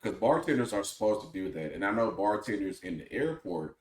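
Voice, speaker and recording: Deep-voiced man in a roomy space. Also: sing-song, fairly quick. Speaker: talk show co-host. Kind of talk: casual conversational commentary. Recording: roomy, echoing sound.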